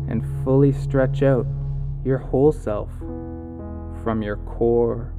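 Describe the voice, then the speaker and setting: A man narrating a guided relaxation session in a calm, soothing manner with long pauses. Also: medium pitch. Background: calming guitar music.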